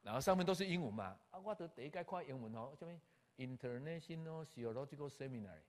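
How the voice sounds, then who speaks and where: An older man, a pastor, telling a personal story in an animated way, acting out conversations and dropping in English terms. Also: medium pitch, fast. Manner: animated, acts out dialogue, scattered English terms. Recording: long hall reverb.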